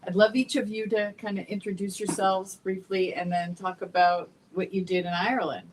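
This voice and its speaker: A woman's voice: mid-range voice, little pitch movement, normal speed, slight background noise, rough recording. A woman hosting a casual roundtable chat, bubbly and laughing often. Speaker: show host.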